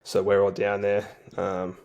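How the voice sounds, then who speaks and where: A national-team rugby league player, interviewed casually, tells easygoing stories thick with slang and colloquialisms. His low, a little mellow voice is monotone and unhurried.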